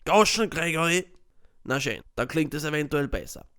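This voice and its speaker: A man's voice: fairly high pitch, moderate pace, clean tone. A man with an Austrian accent voicing a bored, eccentric old alien martial arts master in a parody fan dub. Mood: boastful. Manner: boastful, grumpy, deadpan.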